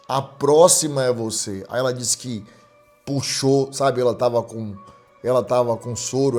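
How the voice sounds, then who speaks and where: A man's voice: medium pitch, a little mellow. A middle-aged man preaching as a pastor, telling a story with emphatic repetition. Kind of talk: sermon with storytelling.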